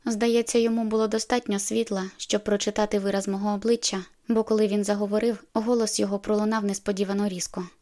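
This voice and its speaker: A woman narrating a first-person audiobook in a steady, measured way. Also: medium pitch.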